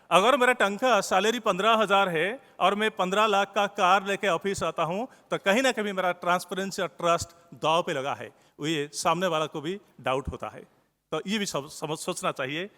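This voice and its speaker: A man's voice: high voice, normal speed, sharp tone. A man with an Odia accent, a news editor giving an earnest conference speech and repeating key phrases for emphasis. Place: large conference hall. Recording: long hall reverb.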